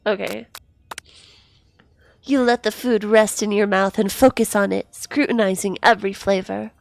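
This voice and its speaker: A woman's voice: mid-range voice, fairly even intonation, moderate pace, gravelly, dry recording. A young woman streamer narrating a game in a playful, casual way, reading the story text aloud.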